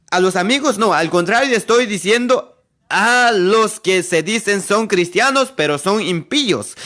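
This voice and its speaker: A man with a notably high voice delivers a sermon to an online audience. He preaches with insistent repetition, hammering his points home and addressing listeners directly as friends and brothers. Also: fairly bright tone.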